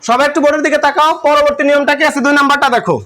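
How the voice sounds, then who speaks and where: A man's voice: very high voice, fairly even intonation, rapid-fire, bright, forceful tone. A man with a Bangladeshi accent teaching English grammar to a class, asking questions and repeating the answers.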